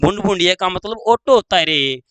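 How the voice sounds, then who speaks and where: A man's voice: sits high, animated, a bit bright, smooth, no room sound, poor audio. A man teaching a grammar lesson online, drawing out his words, repeating phrases and quizzing his pupils. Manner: slow, drawn-out, repeats phrases and asks pupils questions.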